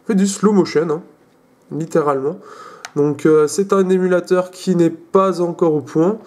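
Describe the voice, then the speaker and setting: A man's voice: high-pitched, steady tone, normal speed, darkish tone. Hesitant young French man demoing tech. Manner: hesitant, many fillers and restarts. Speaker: tech video host. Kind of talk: casual screen demo.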